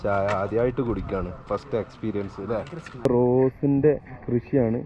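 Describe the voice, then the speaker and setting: A man's voice: fairly low pitch, normal speed. A man with a Kerala Malayali accent doing casual travel vlog commentary, mixing in Arabic phrases like a Gulf returnee. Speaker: travel vlogger. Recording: muffled lo-fi, noisy vehicle ambience.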